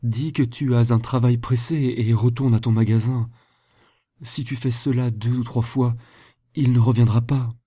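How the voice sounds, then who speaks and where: A man's voice: medium pitch, steady tone, normal speed, husky, voice pushed up, lightly acted. A man voicing a jealous, remorseful young lover. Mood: insistent. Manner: emphatic, louder pleading delivery.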